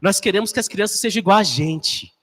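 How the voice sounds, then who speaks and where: Male pastor, 30s, high voice, preaching casually, long hall reverb. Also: fairly quick, a bit bright. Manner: conversational preaching, frequent rhetorical questions. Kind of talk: sermon. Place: church.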